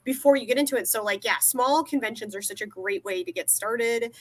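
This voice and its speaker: A woman's voice: a little high, brisk. A young woman co-hosting a live cosplay talk show, rambling a bit with many fillers as she asks questions. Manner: rambling, lots of likes and restarts. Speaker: podcast co-host. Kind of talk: casual live-stream chat.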